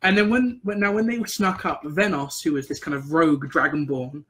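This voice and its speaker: Man, husky voice, a bit high, game master, rambling casual chat, laughs a lot. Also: normal speed, a bit bright. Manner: rambling storyteller, laughs often.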